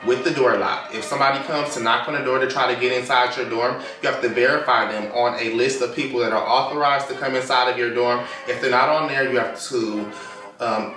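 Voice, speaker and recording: A man's voice: mid-range voice, fairly bright tone. A man giving a casual, candid storytime talk, explaining things informally as a vlogger. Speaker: storytelling vlogger, former Air Force member. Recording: roomy echo, distant mic, music behind. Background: clear background music.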